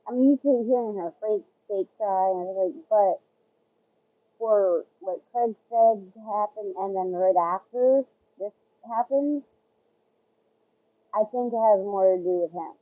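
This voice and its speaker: A woman's voice: mid-range voice, measured pace, dry recording. A woman giving casual live commentary through a Bluetooth earbud, sounding muffled, as if underwater. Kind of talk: casual commentary on another streamer.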